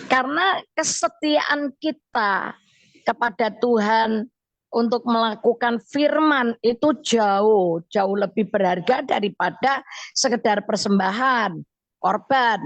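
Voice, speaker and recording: A woman evangelist, teaching from the Bible on a radio show and telling stories with deliberate emphasis. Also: a little high, no room sound, lo-fi sound. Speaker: evangelist guest speaker. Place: radio studio.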